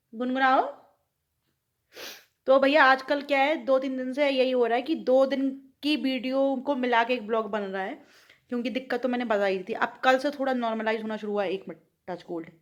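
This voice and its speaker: A young woman with a sore throat, talking slowly and softly in a casual home vlog from a sunny rooftop. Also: fairly high pitch. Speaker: vlogger.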